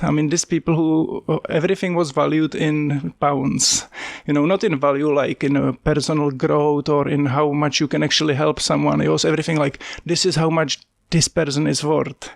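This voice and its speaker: A man's voice: on the high side, vocal fry, dry recording, clean studio sound. A man from the Czech Republic with a Czech accent, a podcast guest telling his story in an earnest, plain-spoken way with small slips in his English. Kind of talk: casual interview, telling his life story.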